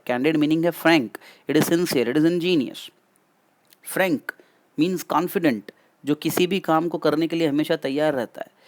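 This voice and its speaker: A man gives an exam-prep vocabulary lesson, switching between Hindi and English. He repeats each point and keeps asking his students questions. His voice sits at a medium pitch and is recorded dry and close. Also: no echo. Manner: explains in mixed Hindi and English, repeats and asks the class questions. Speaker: vocabulary teacher.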